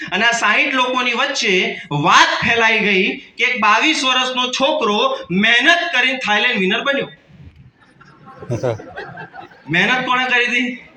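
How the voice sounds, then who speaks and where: His voice is extremely high, bright and forceful as this man of about 30, speaking with a Kathiawadi Gujarati accent, runs a motivational business seminar. In a hall with an audience, he jokes and calls out to listeners, while the rough recording is roomy and made from a distance.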